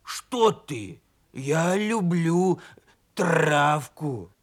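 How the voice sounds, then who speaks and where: Man playing a little donkey-wolf, storybook, hoarse, growly, bewildered, pleading, slow. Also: fairly high pitch, lively intonation, full character voice. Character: little male donkey turned wolf, confused and timid. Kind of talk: storybook reading.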